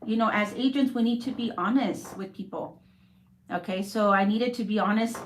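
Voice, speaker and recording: A woman who works as a real estate agent, talking in a casual, rambling way on a live stream and often checking in with "okay?". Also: mid-range voice. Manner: rambling, keeps adding "okay?". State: coughing.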